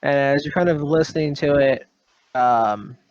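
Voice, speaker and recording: A man's voice: on the high side, a little slow, no room sound. A man running a tabletop horror game as game master, narrating in a hesitant, rambling way full of ums, on a dull lo-fi recording.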